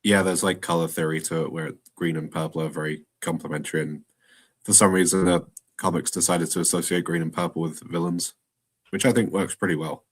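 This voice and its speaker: Deep husky guy, chill podcast guest, just explains stuff easy. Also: steady tone, a little fast. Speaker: guest comic creator. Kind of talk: casual chat.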